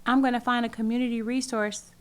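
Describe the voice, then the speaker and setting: A community organizer in her forties, interviewed casually, tells her story in an earnest, emphatic way, often repeating phrases for weight. Her voice is fairly high and clean, with little pitch movement, and she talks fast.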